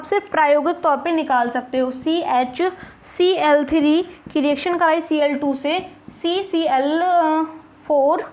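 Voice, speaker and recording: A young woman teaching a chemistry lesson, explaining step by step, asking rhetorical questions and reassuring her students. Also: high-pitched. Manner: addresses students as kids, reassuring.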